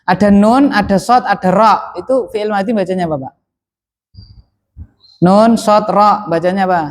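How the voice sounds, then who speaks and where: High-voiced man teaching. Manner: brisk corrections, repeats cues patiently. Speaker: Arabic grammar teacher. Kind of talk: classroom lesson, correcting recitation.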